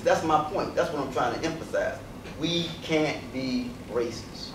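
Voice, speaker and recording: In a university lecture hall, an invited speaker addresses a student audience with an emphatic speech full of rhetorical questions. His voice sits in the mid range, with background noise present. The sound is distant and echoey.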